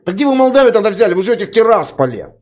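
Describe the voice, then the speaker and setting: A man's voice: high voice, sing-song, very fast, a little mellow. A man hosting a chat stream, pressing a caller with the same question in a persistent, mocking way. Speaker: streamer host. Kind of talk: prank chat interrogation.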